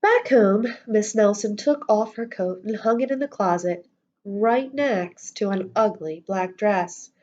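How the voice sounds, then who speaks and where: A woman reading a children's storybook aloud in an expressive, deliberate schoolteacher's manner. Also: mid-range voice. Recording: dull lo-fi audio.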